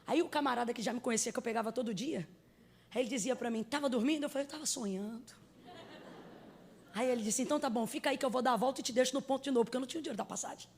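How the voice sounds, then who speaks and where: A Brazilian woman preacher giving an emotional sermon, telling her story dramatically and building to shouted calls to the congregation. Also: a little high, rapid-fire, vocal fry, a little hiss or hum. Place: church congregation.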